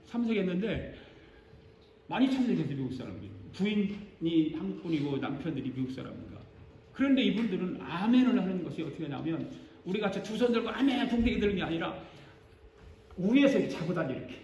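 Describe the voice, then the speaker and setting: Older male pastor preaching, playful and animated, in a roomy, reverberant church. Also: sits high, fast talker, muffled recording, a little hiss or hum. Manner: animated, joking, acts out congregation responses. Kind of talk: sermon. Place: church sanctuary. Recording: echoey church sanctuary.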